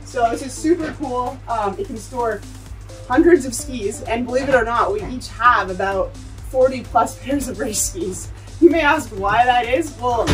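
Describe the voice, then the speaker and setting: A woman's voice: on the high side, far from the mic. A woman in her twenties giving a cheerful, chatty walking tour of a ski truck and apartment, filmed on a handheld phone. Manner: upbeat, chatty, enthusiastic. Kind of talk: casual tour vlog. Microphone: handheld phone camera.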